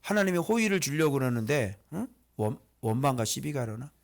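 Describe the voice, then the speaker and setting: A man preaching a conversational sermon as pastor, teasing the congregation with quick rhetorical questions. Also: mid-range voice, very animated.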